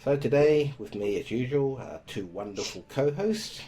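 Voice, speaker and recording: A man hosting a podcast, explaining spiritual topics in a calm, casual way. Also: medium pitch, normal speed. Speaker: podcast host.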